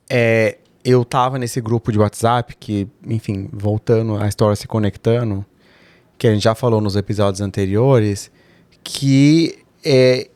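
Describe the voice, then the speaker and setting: A man's voice: mid-range voice, a little mellow, no room sound. Brazilian man podcast co-host, easygoing and candid, mid-range voice. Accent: Brazilian Portuguese. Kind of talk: casual chat.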